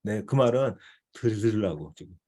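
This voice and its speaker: A man's voice: on the low side, lively intonation, moderate pace, warm tone. A male missionary teaching a devotional seminar in a conversational way, often checking in with his listeners.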